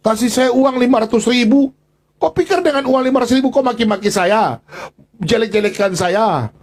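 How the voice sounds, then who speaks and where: A man's voice: very high voice, normal speed. A man hosting a livestream, talking in an aggrieved, pleading, repetitive way. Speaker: livestream host. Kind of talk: emotional livestream rant.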